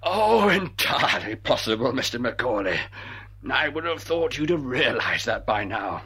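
A unhinged gentleman villain from a radio drama, mockingly polite and full of taunting glee. The voice is husky and sharp, swinging wildly in pitch. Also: sing-song, moderate pace, exaggerated voice. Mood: mad, mocking. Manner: mocking politeness, theatrical, gleeful.

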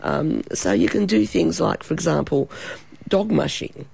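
A woman with an Australian accent, hoarse and croaky from a cold and sore throat, chatting as a travel expert in a radio interview. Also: lowish voice, unhurried, a little mellow, no room sound. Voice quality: croaky, husky.

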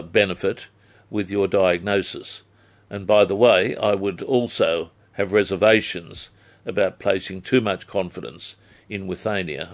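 An Australian man giving health advice on a live phone-in, measured and formally worded. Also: low voice. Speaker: health advice expert on radio.

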